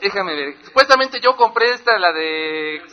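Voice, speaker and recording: A man's voice: high-pitched, lively intonation, moderate pace. A Mexican man co-hosting a radio show, joking and telling anecdotes in casual banter. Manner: joking storyteller. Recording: muffled lo-fi radio audio.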